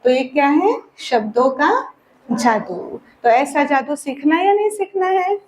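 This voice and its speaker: A woman's voice: high voice, lively intonation, moderate pace, darkish tone, a little hiss or hum. A woman telling a story and giving a lesson to children at a summer camp. She keeps asking them short questions in a sing-song way and waits for their answers.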